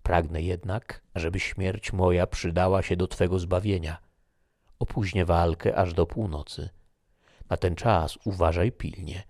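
Audiobook figure: man reading as a solemn soldier, low gravelly voice, slow and measured, dry studio. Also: fairly even intonation, darkish tone, dry recording. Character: grave, fatalistic male soldier.

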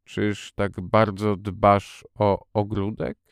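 A weary middle-aged guardian, gentle but worn out, who speaks slowly and a little absently, as a man reads him. The voice sits low and sounds smooth and clear, with a dry, close sound. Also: no echo, close to an everyday voice. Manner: tired, slow, absent-minded. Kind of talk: audiobook character reading.

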